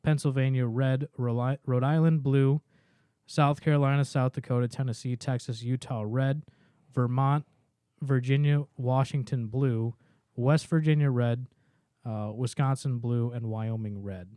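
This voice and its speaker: A man co-hosting a podcast, reading off a list of states in a steady run, then talking through his reasoning in casual chat. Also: mid-range voice, measured pace, clear, resonant tone, dry recording, studio quality. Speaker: podcast co-host.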